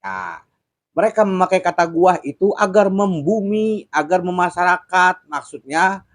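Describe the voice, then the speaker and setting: A man's voice: sits high, lively intonation, moderate pace. A man hosting a casual commentary chat, explaining points patiently and laughing at his own jokes. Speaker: host.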